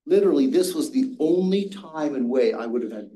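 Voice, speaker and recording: Heard from far off in an echoey church classroom, this older man leads a seated Bible study group in Sabbath school. His voice is a little high, expressive, mellow and fairly quick, and he tells his story earnestly, frequently starting phrases over.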